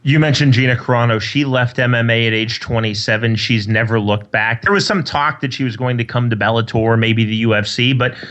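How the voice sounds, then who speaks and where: A man's voice: mid-range voice, fairly quick, hardly any pauses, a bit bright, dull audio. Man telling sports stories on a podcast. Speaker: podcast co-host. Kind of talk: casual chat.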